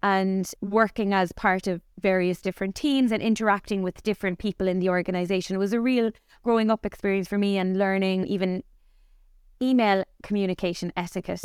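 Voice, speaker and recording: A woman's voice: medium pitch, clear, resonant tone, dry recording, clean studio sound. A woman in her forties with a Cork Irish accent, chatting candidly as a podcast guest about her career. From Ireland. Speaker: podcast guest, company founder. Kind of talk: conversational interview.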